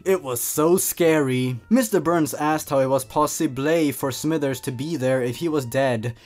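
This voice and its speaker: In a mid-range, unhurried, slightly mellow voice, the creepypasta host reads a comedic story. His reactions are theatrical and amused, with chuckles slipping in between lines.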